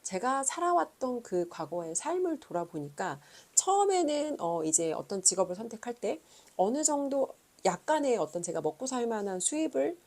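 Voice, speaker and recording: A woman in her thirties, a reading coach, telling her own story in an earnest, thoughtful way with frequent pauses. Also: on the high side, big pitch swings, darkish tone. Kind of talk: reflective personal talk.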